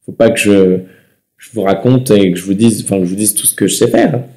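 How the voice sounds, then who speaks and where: A young man with a slightly stuffy nose, hosting a live webcam chat from his living room and answering viewer comments in a soft, relaxed way. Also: fairly low pitch, fairly quick. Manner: soft-spoken and relaxed, sings between replies. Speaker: livestream host. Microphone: webcam mic.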